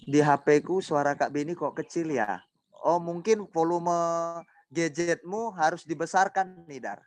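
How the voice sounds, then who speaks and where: A loud, emphatic man preaching to a youth group over a video call, teasing members by imitating their voices. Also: a little high, a little slow, dry recording. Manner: loud, emphatic, says he talks loudly. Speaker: pastor teaching a youth group. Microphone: laptop mic on a video call.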